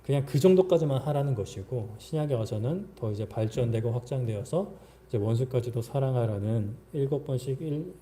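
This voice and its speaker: Male pastor, warm low-toned voice, conversational preaching, dramatizes prayers. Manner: frequent fillers and restarts, occasional chuckles. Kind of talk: sermon.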